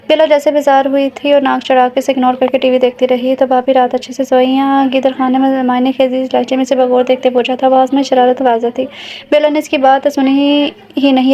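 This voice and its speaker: A woman narrating a romance audio novel in a steady storytelling way, with the odd restart. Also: high-pitched. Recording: dull recording with faint hiss.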